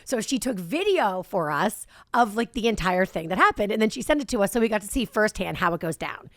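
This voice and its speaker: A young woman hosting a podcast, chatting casually and telling an animated story with lots of giggles and swearing. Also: mid-range voice, fairly quick, dry recording, studio quality. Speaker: podcast host. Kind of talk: casual chat.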